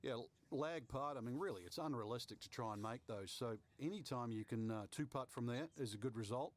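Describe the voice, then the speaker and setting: A man's voice: medium pitch, fairly quick, natural voice. A man giving conversational, explanatory analysis as a golf commentator.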